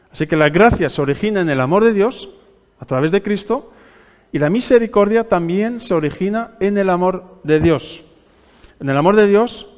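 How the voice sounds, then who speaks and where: Spanish preacher in a reverberant church hall. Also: male voice, a little high, a little mellow, clear, resonant tone. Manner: teaching by asking the congregation questions; reads scripture aloud, raising his voice for quoted pleas. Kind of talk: sermon.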